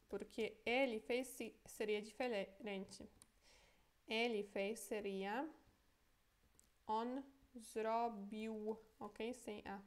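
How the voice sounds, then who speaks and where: Woman teaching Polish, higher voice. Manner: explains patiently, repeats words and checks with "ok?". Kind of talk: casual language lesson.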